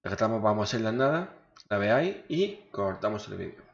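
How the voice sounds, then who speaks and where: A man's voice: lowish voice, sing-song, fast, vocal fry. Echoey Spanish man casually commentating a game. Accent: Spain. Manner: informal, coarse-mouthed, muttering to himself. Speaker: gaming video host. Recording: echoey, dull microphone, faint music. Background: faint game music.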